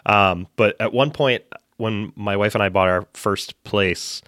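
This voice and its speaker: A man from central Massachusetts, a podcast guest talking casually from his home basement, chatty and relaxed, with lots of fillers and restarts. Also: fairly low pitch, unhurried, no echo, clean studio sound. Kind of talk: casual interview chat.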